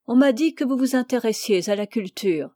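A woman's voice: on the high side, lively intonation, moderate pace, dark tone, dry recording, studio quality, close to an everyday voice. A woman reading as a pushy bourgeois lady. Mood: probing. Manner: insistent, probing questions. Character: pushy flirtatious middle-aged bourgeois lady.

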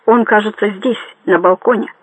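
A man voicing a volatile male gang leader who yells threats in a frantic, raised voice. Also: high voice, steady tone, moderate pace, breathy edge, dry recording, highs cut off. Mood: taunting.

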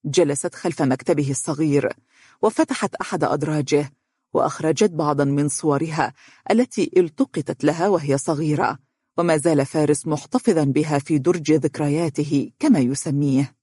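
A narrator reading an audiobook story in an even, measured storytelling voice. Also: mid-range voice, breathy edge, no echo, studio quality.

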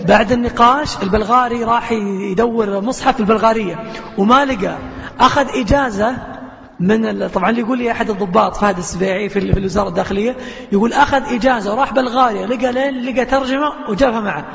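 A quick, high-voiced man preaches, animated and earnest. He sounds muffled, with a long reverb trailing through a big lecture hall. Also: creaky. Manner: animated storyteller, earnest exhortation. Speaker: preacher answering questions. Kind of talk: lecture with audience Q&A.

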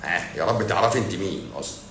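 A man's voice: low-pitched, expressive, rapid-fire, a bit bright, reverberant, a little hiss or hum. A man with an Egyptian Arabic accent, a doctor hosting a livestream who answers viewer comments in a blunt, sarcastic, scolding way.

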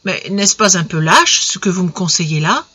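A woman's voice: lowish voice, animated, moderate pace, sharp tone, husky, dry recording, lo-fi sound, full character voice. A woman reading aloud, voicing a distraught, resolute young society wife in a story. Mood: anguished. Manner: pleading, then firm and grave.

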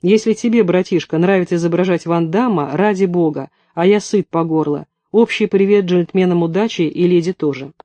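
A man's voice: high voice, fairly quick, hardly any pauses, warm tone, dry recording, dull audio, close to an everyday voice. A man reading an audiobook, voicing a tired young man who is fed up. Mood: exasperated. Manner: tired, exasperated. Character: weary frightened young man, complaining.

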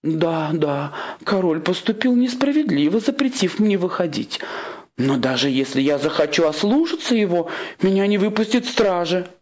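A vain storybook queen, eager and a little anxious, voiced by a man who lifts his pitch well above his own. The recording sounds slightly muffled. Her lines come in a pleading, breathless rush. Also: animated, moderate pace. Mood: complaining. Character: vain queen, middle-aged woman, eager and curious.

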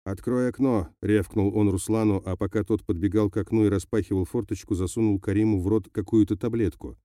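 A man narrating an audiobook in a steady, measured reading voice. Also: on the low side, no echo, studio quality. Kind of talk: scripted narration.

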